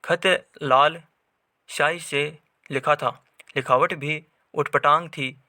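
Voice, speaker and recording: Male narrator for a read-aloud story, steady pacing, bright and dry. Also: on the high side, slow pace, no echo. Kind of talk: scripted narration.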